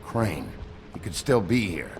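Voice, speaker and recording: Gruff wolf detective, low gravelly voice, terse, suspicious, swinging intonation, game drama. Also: male voice, big pitch swings, a little slow, full character voice. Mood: dry, probing. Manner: terse, dry. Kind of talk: video game voice acting. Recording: music behind the voice.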